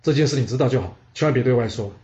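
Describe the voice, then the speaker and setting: A man's voice: medium pitch, very fast, warm tone, muffled recording, close to an everyday voice. A man voicing a scheming male court official in a storytelling recording, scoffing and secretive.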